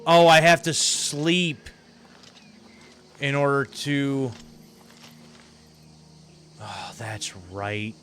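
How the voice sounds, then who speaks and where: A man's voice: mid-range voice, expressive, drawn-out words, long pauses, fairly bright tone, slight background noise. A tired man giving rambling gameplay commentary on a livestream, thinking aloud with many fillers, over a headset mic. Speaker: streamer.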